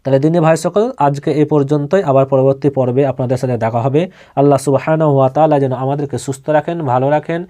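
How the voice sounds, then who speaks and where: A man with a Bangladeshi Bengali accent teaching Quran reading, spelling out letters and words slowly, then explaining the rules more quickly. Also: mid-range voice, steady tone, mellow. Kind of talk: slow spelled-out recitation lesson.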